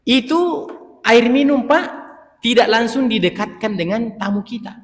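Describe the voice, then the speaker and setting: A man's voice: extremely high pitch, unhurried, big-room sound. A man teaching a study session in a mosque, telling stories animatedly and addressing his listeners as sir. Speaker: Islamic teacher.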